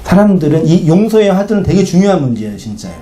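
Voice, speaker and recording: A man's voice: sits high, very animated, very fast, dark tone, slight background noise. A male pastor preaching in a conversational way, often questioning the congregation and acting out short quoted lines. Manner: acts out short quoted lines in changing voices. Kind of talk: sermon.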